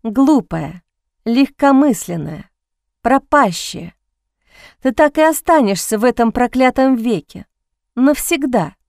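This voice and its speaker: A woman's voice: a little high, lively intonation, slow, gravelly, a little mellow, no echo, studio quality, exaggerated voice. A woman voicing a young heroine in an audiobook, breathless and pleading, torn against herself. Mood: self-reproach. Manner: breathless, pleading, self-reproaching.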